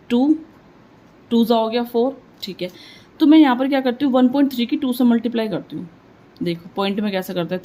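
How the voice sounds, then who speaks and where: Woman doing a maths lesson, kinda high voice, keeps asking herself stuff and answering it. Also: a little mellow, low-quality recording. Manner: explains aloud as she writes, asks and answers her own questions; mixes English words into Hindi explanation. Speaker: maths teacher.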